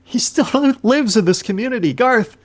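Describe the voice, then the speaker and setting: A man's voice: very high-pitched, expressive, moderate pace. A man co-hosting a casual podcast, reading out case details and asking teasing questions. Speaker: podcast co-host. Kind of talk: casual chat, case recap.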